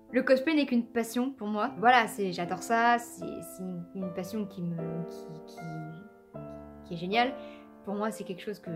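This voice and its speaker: A young woman with a fairly high voice talks in a chatty, hesitant way, restarting her sentences and filling pauses. She answers fan questions casually, and faint guitar music plays softly behind her. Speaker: cosplayer and aspiring voice actor answering fan questions. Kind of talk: casual chat.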